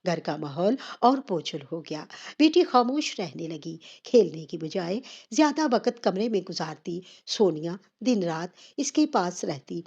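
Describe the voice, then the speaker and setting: Calm, mellow woman storyteller. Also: fairly low pitch, husky, muffled recording. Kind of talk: scripted narration of an emotional story.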